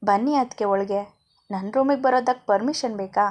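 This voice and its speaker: A woman voicing a friendly young father who talks quickly and brightly. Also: a little high, close to an everyday voice. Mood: teasing.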